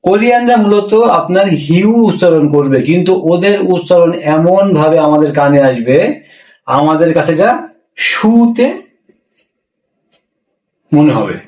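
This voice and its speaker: A man's voice: high-pitched, animated, normal speed, pauses often, darkish tone, roomy sound, recorded from a distance, rough recording. A man teaching a pronunciation lesson, asking and answering his own questions and repeating each point. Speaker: language teacher.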